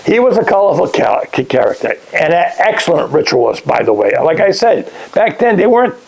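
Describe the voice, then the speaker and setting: An older man, recalling lodge days in a casual interview, halting and restarting often. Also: fairly high pitch, big pitch swings, gravelly, darkish tone, rough recording. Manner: halting, many restarts, chuckles at his own remarks. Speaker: interviewee, past lodge master. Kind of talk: casual oral-history interview.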